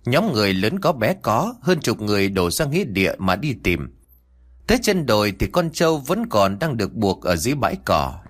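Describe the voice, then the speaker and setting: A man narrating a rural ghost story in an expressive, dramatic storytelling manner. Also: on the low side, a little fast.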